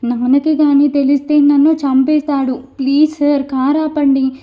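A panicked young bride pleads through her tears in a storybook tale, firing off frightened questions, as a woman reads her lines. The voice sits high and light. The recording sounds dull and lo-fi. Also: little pitch movement, normal speed, lightly acted. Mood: tearful pleading. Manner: pleading, crying, breathless questions.

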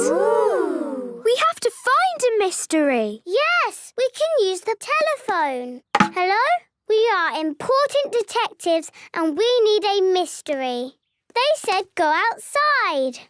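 A woman's voice: very high voice, heavily acted. A woman voicing a cheerful, bossy little girl pig in a cartoon, talking in a sing-song way.

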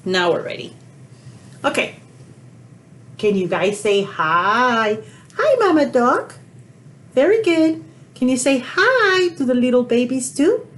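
A woman librarian leading a pre-recorded baby story time with songs and rhymes, talking in a slow, sing-song, encouraging way to toddlers and counting in Spanish now and then. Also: on the high side, slight background noise. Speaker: children's librarian. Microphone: pre-recorded video.

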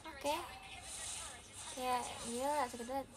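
A woman's voice: sits high, slow pace, over music. Chatty young Indonesian woman streaming. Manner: chatty, excitable, mixes English phrases. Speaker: idol livestream host. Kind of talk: casual livestream chat with viewers.

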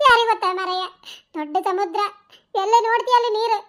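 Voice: extremely high pitch, fast talker, a bit bright. A voice actor playing an anxious, doting old village mother in a cartoon, pleading and wailing with a North Karnataka accent. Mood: grumbling. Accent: North Karnataka Kannada. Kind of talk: cartoon voice acting.

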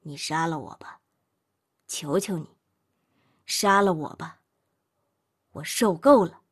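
A woman's voice: sits low, slow, husky, pitched below the performer's own voice, full character voice. A woman voicing an angry young man who coldly breaks up with his girlfriend, speaking harshly and with clipped force. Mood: cold despair. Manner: harsh, clipped, then bitterly pleading.

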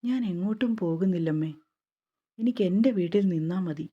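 A woman's voice: lowish voice, moderate pace, mellow, highs cut off, natural voice. A woman reading the lines of a timid young bride who pleads in a fearful way. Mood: pleading.

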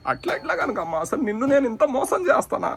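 A man's voice: very high-pitched, big pitch swings, fast talker. Teasing mock-indignant young man. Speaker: comic vlogger. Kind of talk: comic banter sketch.

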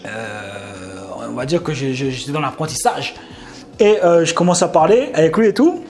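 A young Frenchman telling a casual vlog story, rambling with many fillers and restarts and sudden animated outbursts. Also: a little high, moderate pace, soft background music. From France. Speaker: vlogger.

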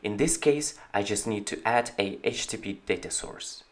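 With a fairly low pitch and moderate pace, a man narrates a screen-recorded walkthrough of software his company makes. As founder, he presents the product in a steady, explanatory way.

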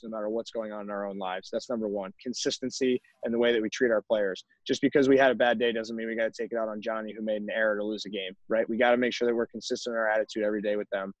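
A man's voice: fairly low pitch, fairly even intonation, rapid-fire, few pauses, no room sound. A young man, a college baseball coach, talking emphatically to other coaches on a video call and often tagging points with "right?". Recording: dull, dry video-call audio.

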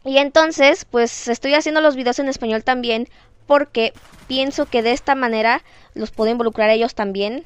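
A teenage girl with a Mexican Spanish accent, chatting to her viewers in a casual vlog. Her voice is on the high side, smooth and clear. She sounds lively and pokes fun at herself, recorded close up in a dry room. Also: dry recording. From Canada. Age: teens. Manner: chatty, lively, self-mocking. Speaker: vlogger.

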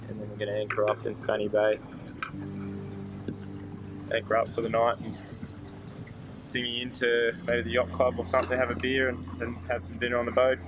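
A man's voice: medium pitch, background noise. A young man chatting casually on his sailboat, easygoing and rambling with fillers. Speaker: sailing vlogger. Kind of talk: casual vlog chat. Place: sailboat outdoors on the water.

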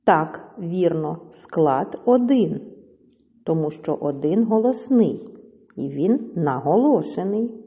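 A woman with a low voice gives a children's lesson at an unhurried pace, drawing words out syllable by syllable. Her patient voice carries a long reverb and a dull, lo-fi sound. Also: lively intonation. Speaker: teacher.

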